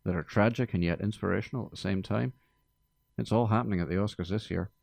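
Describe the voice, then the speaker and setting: A man's voice: on the low side, quick pace, creaky, darkish tone, no room sound. A man hosting a film podcast in a studio, chatting in a jokey, rambling way with many fillers. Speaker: podcast host. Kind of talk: casual chat about film music.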